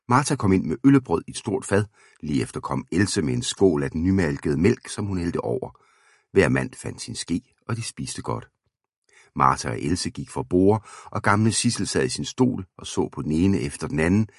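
A man narrating a historical storybook aloud in a steady, even way. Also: rumbling low, dry recording, studio quality. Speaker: audiobook reader.

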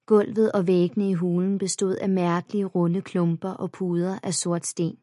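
A woman reads a children's chapter book aloud in the first person. Her voice is lowish and steady, told plainly. The recording is close and completely dry. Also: dry recording. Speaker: audiobook narrator.

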